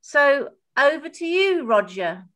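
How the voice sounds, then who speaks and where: A woman's voice: high-pitched, sing-song, slow, fairly bright tone. An older woman giving an informal welcome as host of a meeting. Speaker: host of a members' group meeting. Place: living room indoors. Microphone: webcam, video call.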